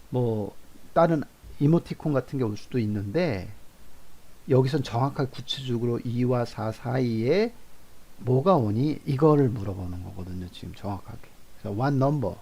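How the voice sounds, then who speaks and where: A man giving an English lesson, slowly repeating and drilling example sentences for his students. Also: mid-range voice, creaky, mellow. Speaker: English teacher. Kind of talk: classroom lecture.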